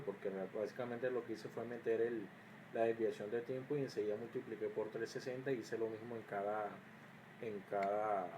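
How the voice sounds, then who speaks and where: A man's voice: on the low side, noisy background. A man teaching an electrical circuits lesson, explaining step by step with frequent fillers and restarts, sometimes muttering to himself as he checks his work. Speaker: engineering teacher. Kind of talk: screen-recorded lesson.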